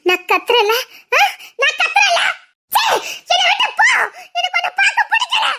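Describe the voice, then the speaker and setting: An actress playing a grieving young mother who lost her child, speaking with a Tirunelveli Tamil accent, sobbing, laughing hysterically and shouting accusations in an emotional drama. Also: very high voice, fast. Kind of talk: emotional web drama acting.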